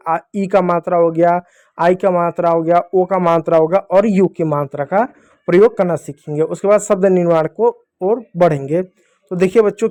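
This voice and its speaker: High-pitched man teaching kids phonics. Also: warm tone. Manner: patient, repeats each rule as a question and answer. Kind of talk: phonics lesson for young children.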